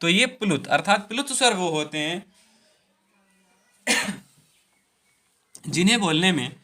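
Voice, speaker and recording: Lively Hindi teacher man. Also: high-pitched, takes it slowly. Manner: repeats and rephrases each point, drawing out the vowel sounds. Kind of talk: spoken grammar lesson.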